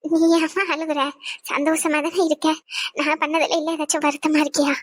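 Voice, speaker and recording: A woman's voice: high voice, flat delivery, normal speed, dry recording, natural voice. A woman voicing a stern but caring older mother in a cartoon who lectures and scolds her family. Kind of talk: cartoon voice acting.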